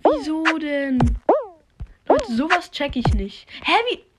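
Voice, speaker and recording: A woman hosting a podcast while playing a video game, commenting casually and swearing, recorded on a low-quality phone microphone. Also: sing-song, slow pace, heavy background noise. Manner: slangy, swears, talks to herself and her listeners.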